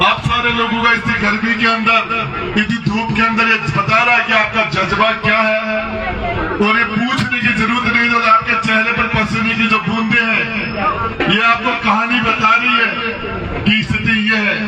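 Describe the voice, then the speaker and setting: Monotone high-voiced man at a noisy rally. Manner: emphatic, repeats phrases and leads slogans. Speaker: political speaker at a rally. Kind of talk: political rally speech. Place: hot, sunny outdoor rally. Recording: echoey loudspeaker, distant, loud crowd noise.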